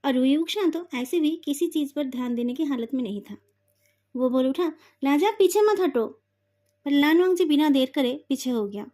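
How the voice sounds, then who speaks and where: High-voiced woman narrating a story. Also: fairly quick, mellow.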